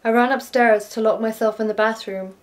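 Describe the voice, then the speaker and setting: A woman's voice: on the high side, steady tone, a little fast. A woman, a former care worker, steadily recounting a personal story in first person.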